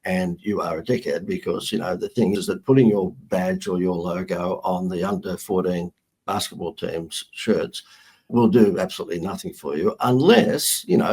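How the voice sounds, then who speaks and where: A man's voice: low voice, a little mellow, breathy edge. A middle-aged man with an Australian accent, a marketing guest telling brash, joking stories in a casual interview.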